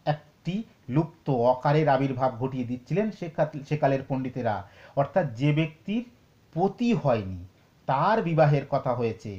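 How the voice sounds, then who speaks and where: A man teaching Sanskrit scripture, explaining slowly and reciting verses. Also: a little high, mellow, lo-fi sound. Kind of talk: lecture on scripture.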